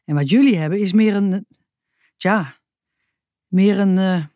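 A woman's voice: mid-range voice, measured pace, mellow, no echo, studio quality, lightly acted. A woman voicing a strict, grumpy male forest ranger in a children's storybook reading, talking sternly and curtly. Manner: stern and curt.

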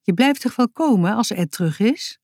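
A woman's voice: a little high, animated, moderate pace, darkish tone, no echo, clean studio sound, pitched above the performer's own voice. A woman voicing an earnest young boy in a children's audiobook, urgent and insistent. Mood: eager.

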